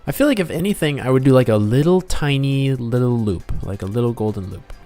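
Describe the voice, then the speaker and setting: With background music running, a game developer draws on a casual stream and bantering with viewers. His mid-range voice is expressive and dark in tone, and he speaks briskly.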